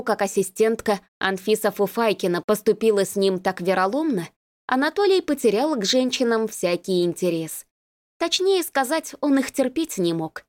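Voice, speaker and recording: A woman reading a novel aloud as an expressive narrator. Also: on the high side, dry recording, studio quality. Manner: expressive, lively storytelling. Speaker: audiobook reader. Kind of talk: scripted narration.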